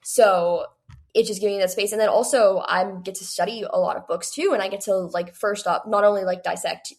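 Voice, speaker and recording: An eighteen-year-old woman, appearing as a guest young adult author, answers interview questions in a chatty, conversational way, leaning heavily on "like." Her medium-pitched voice stays steady and a little mellow, and she talks fairly quickly.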